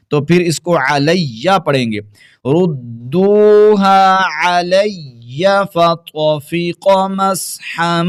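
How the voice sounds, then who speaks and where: A man teaching tajweed, explaining words briskly and then reciting the verses in a slow, melodious chant. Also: a little high, clean tone, no room sound, studio quality.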